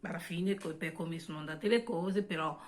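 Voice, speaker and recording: A woman, a native French speaker, chatting casually to viewers as a vlog co-host in accented, halting speech with repeats and self-corrections. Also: lowish voice, slight background noise.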